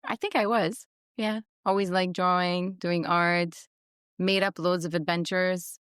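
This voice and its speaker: This young guest from Montreal, Canada, whose first language is Italian, chats in an upbeat way with quick laughs during a casual interview. Her voice is on the low side, a bit bright and clean, with fairly even intonation. The studio-quality recording, made in a London workspace studio, has no echo.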